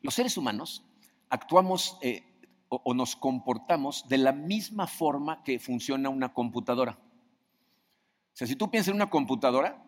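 A man delivers a sermon in a relaxed, conversational way, often asking his listeners questions. His voice sits in a middle range. A long hall reverb trails behind every phrase. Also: medium pitch, moderate pace. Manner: conversational, asks the audience questions, acts out quoted voices. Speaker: preacher.

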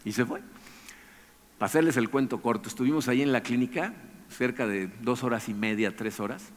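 Man, fast-talking storyteller, animated, keeps saying "¿no?", long hall reverb. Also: mid-range voice. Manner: animated, tags phrases with "¿no?", chuckles often. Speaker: speaker telling a personal story. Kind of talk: anecdotal storytelling to an audience.

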